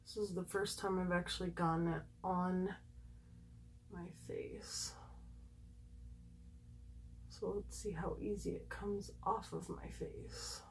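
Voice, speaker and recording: In a casual makeup tutorial, a woman with a slightly squeaky voice gushes and thinks aloud to her viewers, chatty and emphatic. Her tone is steady and her pace moderate, with hardly any pauses, and there's slight background noise.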